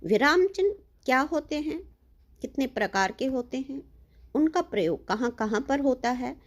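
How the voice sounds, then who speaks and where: A woman's voice: high-pitched, expressive, moderate pace. A woman teaching a lesson to children, explaining patiently and stressing her example sentences.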